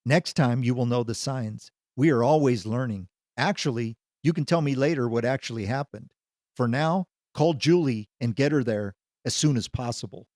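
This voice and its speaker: A man reading the lines of a calm, determined pastor in an audio story. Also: medium pitch, moderate pace, no room sound, natural voice. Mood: reassuring. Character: calm determined male pastor fighting demons.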